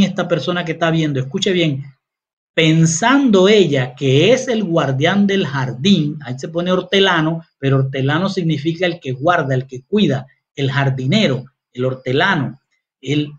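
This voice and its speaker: Brief: male Bible teacher, slightly higher voice, reads verses and explains them to the congregation, dull lo-fi audio. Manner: reads scripture aloud and comments on it, repeating key phrases; addresses listeners directly. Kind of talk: Bible study sermon. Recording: dull, lo-fi recording.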